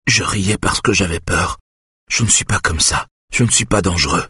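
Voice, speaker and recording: A man reading aloud, voicing a shaken, guilt-ridden male patient who talks haltingly. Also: deep voice, bright, forceful tone, husky, no room sound, clean studio sound, heavily acted. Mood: anguished.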